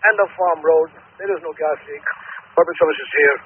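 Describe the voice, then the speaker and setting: A man's voice: fairly high pitch, fairly quick. A man giving clipped, urgent firefighter reports over a radio. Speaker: firefighter on engine crew. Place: over a fire department radio. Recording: tinny, noisy emergency radio transmission.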